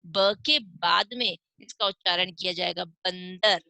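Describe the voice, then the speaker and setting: A woman's voice: fairly low pitch, unhurried, gravelly, sharp tone, no echo. A woman teaching a primary school class online. She asks questions and answers them herself, and stretches out each sound as she drills pronunciation.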